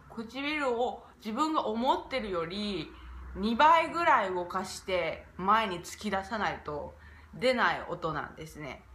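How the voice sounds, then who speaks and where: A woman gives a casual vlog lesson on pronunciation, drawing vowels out slowly when she demonstrates them. Her voice sits in the middle of the range. The recording carries a roomy echo. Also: fairly low pitch, fairly bright tone, a little hiss or hum. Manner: demonstrates vowel sounds with drawn-out, exaggerated syllables. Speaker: jazz vocalist teaching English pronunciation.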